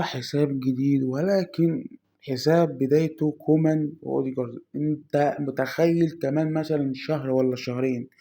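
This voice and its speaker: Fast, gravelly Egyptian gaming guy. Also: fairly high pitch. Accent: Egyptian Arabic. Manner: excitable, chatty, pleading with the game for luck; talking quietly at night. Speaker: gaming YouTuber. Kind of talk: pack-opening game commentary.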